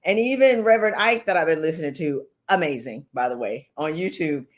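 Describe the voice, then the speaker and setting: A middle-aged woman with a low voice, lively intonation, and a brisk pace gives an informal motivational talk. A speaker and podcaster, she's blunt, direct, and emphatic, repeating phrases to drive them home.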